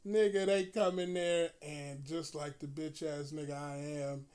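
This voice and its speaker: High-voiced profane male storyteller. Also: measured pace, smooth. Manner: animated, profane, laughs often.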